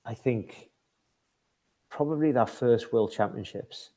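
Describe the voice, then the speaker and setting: A man chatting casually as a hockey-playing guest, haltingly, often repeating words before he finishes. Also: medium pitch, mellow. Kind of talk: casual chat.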